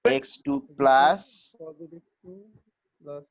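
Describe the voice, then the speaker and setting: A male teacher's voice breaks up and cuts out as it comes through an online class call. He sits somewhat high, and the call sound is dull and lo-fi. He quizzes his students patiently. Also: steady tone, unhurried, heavy background noise. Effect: voice breaking up over an online call.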